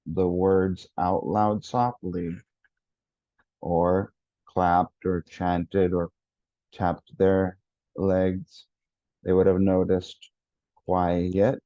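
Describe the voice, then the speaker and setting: A man giving a lesson to teachers, speaking deliberately and repeating key words for emphasis. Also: sits low, dark tone, no echo, muffled recording. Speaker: education consultant.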